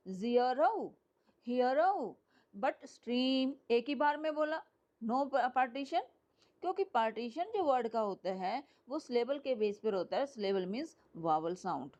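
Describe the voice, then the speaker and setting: A female English teacher lectures her class in a mix of Hindi and English, explaining step by step and often checking whether students are following. Her voice is high with a darkish tone, and the recording has its highs cut off.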